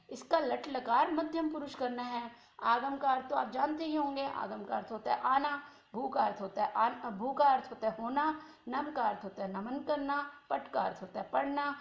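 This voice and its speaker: High, gravelly-voiced woman teaching in an echoey room. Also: lo-fi sound. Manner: patient, asks and answers her own questions, drawn-out recitation. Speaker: Sanskrit teacher. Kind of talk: classroom lesson explaining exercises.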